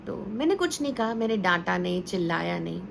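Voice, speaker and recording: A woman's voice: on the low side, sing-song, fairly quick, creaky, slight background noise. A woman teacher giving conversational parenting advice, telling stories and mixing English words into her Hindi. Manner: storytelling with acted quotes.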